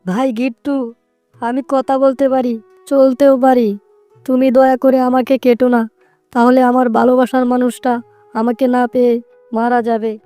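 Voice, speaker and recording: A woman voicing a gentle, pleading and generous magical talking tree in a soothing cartoon style. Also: high voice, little pitch movement, moderate pace, long pauses, clean tone, no room sound, faint music behind, natural voice. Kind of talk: cartoon voice acting.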